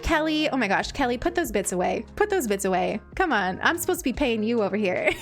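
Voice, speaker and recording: Female game streamer, sweet cartoon-princess tone, fairly high pitch, affectionate and gushing, music behind her. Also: big pitch swings, fast. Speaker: game livestreamer. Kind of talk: casual livestream chat, thanking viewers.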